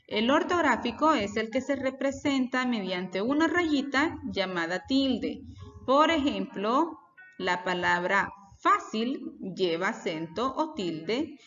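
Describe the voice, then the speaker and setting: Woman teacher, very slow careful delivery, fairly high voice, long reverb, dull lo-fi sound, faint music underneath. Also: fairly bright tone. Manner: deliberate, explains step by step and asks the class questions. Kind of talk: recorded class lesson.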